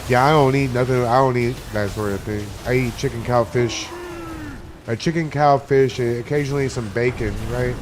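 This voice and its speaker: Over game music and a noisy background, a man from Miami talks at a moderate pace in a steady, medium-pitched voice. His live-stream chat while gaming is casual, profane, and wanders from topic to topic.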